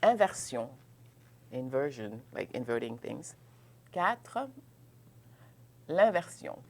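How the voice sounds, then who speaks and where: A woman with a low voice teaches French grammar at an unhurried pace. She explains in English and sings out the French example questions with exaggerated rising pitch. Her pitch swings widely, and she keeps checking in with her students. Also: big pitch swings. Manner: checks in often with "ok?", laughs lightly. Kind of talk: bilingual classroom grammar lesson.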